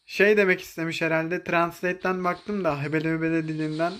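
A young man streaming a mobile game, commentating live in an excitable, joking way, barking orders to teammates and throwing in English exclamations. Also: fairly high pitch, brisk.

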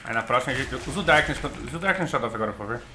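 A man's voice: mid-range voice, expressive, racing, echoey room. A man with a Brazilian Portuguese accent chatting casually and giving callouts while streaming a video game. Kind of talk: casual gameplay chat and callouts. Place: small indoor room at home. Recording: clear game noise behind the voice.

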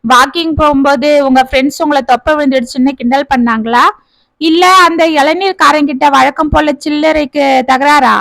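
A woman voicing a caring older grandmother who calmly reasons with her husband. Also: sits high, moderate pace, vocal fry, dry recording. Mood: gentle. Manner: soothing, reasoning gently.

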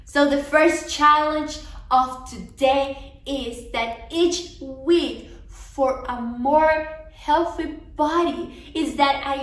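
This is a young Colombian woman with a high, slightly bright voice, addressing a women's conference as a speaker. Her devotional talk is earnest and encouraging, with some restarts. She sits on a sofa in a living room, and a camera across the room picks her up from a distance with a roomy sound.

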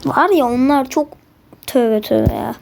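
A woman gives gameplay commentary in a high voice with an unhurried delivery. She is excitable and bursts into frustration at her opponents. Clear game sounds play behind her. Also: slight background noise. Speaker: gamer.

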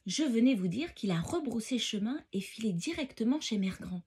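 Animated woman reading a bedtime story. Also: a little high, normal speed, slightly rough. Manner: animated, expressive, addresses children directly. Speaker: storyteller for children.

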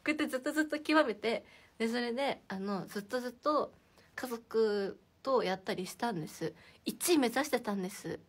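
A woman's voice: a little high, a little fast. Giggly young woman chatting on a livestream. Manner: chatty, giggly, reacting to viewer comments. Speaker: idol livestream host. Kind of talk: casual livestream chat reading comments.

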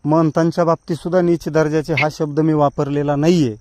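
Mellow, quick man on the phone. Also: fairly high pitch, level tone, no echo. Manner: defensive, admonishing, protesting the other man's language. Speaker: call recipient defending his statements. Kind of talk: argument on a phone call. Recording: over a phone line, dry. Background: voice on a phone call.

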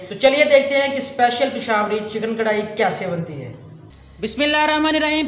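A man's voice: very high voice, a bit bright. A young man hosting a cooking channel, explaining a recipe step by step in a polite, formal way with religious greetings.

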